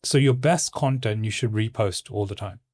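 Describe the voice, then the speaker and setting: A man speaking as a guest in a casual interview, with a stoic, calm, monotone delivery. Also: fairly low pitch, no echo, studio quality. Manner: stoic, measured. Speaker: guest, content creator.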